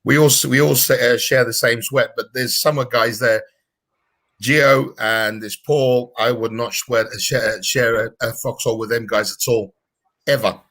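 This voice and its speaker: A man's voice: mid-range voice, fairly even intonation, unhurried, a bit bright. A man who tells anecdotes in a dry, matter-of-fact way during a casual chat. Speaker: veteran discussion guest.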